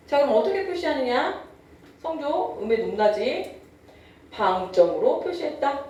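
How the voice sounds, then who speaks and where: Woman teacher lecturing a class, bit high voice, kinda far from the mic, echoey. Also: darkish tone. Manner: chatty, checks in with students often; drawls out words when demonstrating old pronunciation. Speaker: Korean language teacher.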